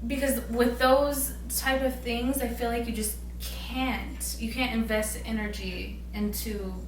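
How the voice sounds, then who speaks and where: A woman's voice: fairly high pitch, steady tone, slow. A tipsy young woman chatting casually as she answers viewer questions in a vlog. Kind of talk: casual couple Q&A chat. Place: bedroom. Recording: roomy, distant mic, background hiss.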